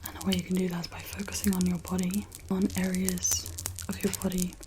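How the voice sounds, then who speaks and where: A woman gives a gentle, reassuring whispered pep talk as guided ASMR relaxation, in a soft breathy whisper with pauses. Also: on the low side, flat delivery, background noise. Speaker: ASMR host guiding relaxation.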